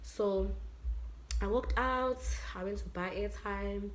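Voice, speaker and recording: A woman's voice: mid-range voice, takes it slowly, a little hiss or hum. A young South African woman telling a personal story in a casual vlog, acting out what people said and slipping in Zulu phrases. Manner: animated, acts out quotes, mixes in Zulu phrases. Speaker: vlogger.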